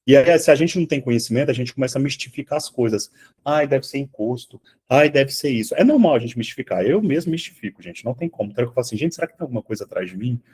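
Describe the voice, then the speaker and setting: Guy teaching an online spiritual class from his house, goes quiet then yells, swears a lot. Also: medium pitch, husky. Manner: swings from hushed to shouting, swears freely. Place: at home.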